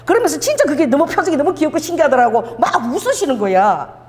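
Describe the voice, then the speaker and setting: Her high, slightly mellow voice very animated and fast, a woman pastor preaches in a reverberant church hall. She acts out dialogue while telling her stories, laughing often along the way.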